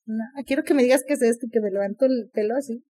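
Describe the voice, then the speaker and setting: A woman with a Mexican accent telling a story in casual chat, animated, full of crude slang and acted-out voices. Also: a little high, fast talker, slightly rough, soft background music. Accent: Mexican Spanish.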